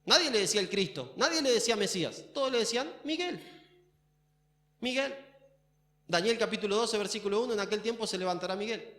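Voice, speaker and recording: A pastor with an Argentine accent preaching a sermon in a church, asking many questions and stressing key words. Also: male voice, high-pitched, animated, a little fast, pauses often, pushed and bright. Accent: Argentine Spanish. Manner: questioning, emphatic. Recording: roomy church echo.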